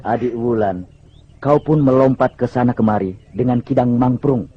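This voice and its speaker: A man's voice: medium pitch, moderate pace, slightly rough, muffled recording, close to an everyday voice. A man playing a composed, coaxing young warrior and elder brother in an old radio drama, theatrical in delivery. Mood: teasing. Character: calm, teasing elder-brother warrior, twenties.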